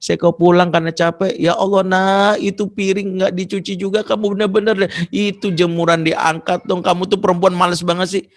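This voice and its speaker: Distressed middle-aged single mother, put on by a man: higher voice, pleading and exasperated. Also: fast, darkish tone. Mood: tearful.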